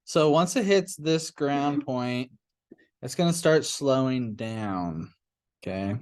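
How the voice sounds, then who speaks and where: A young man teaching a class, walking students through software steps in a casual way, with fillers and chuckles. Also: mid-range voice, lively intonation, slow, no echo.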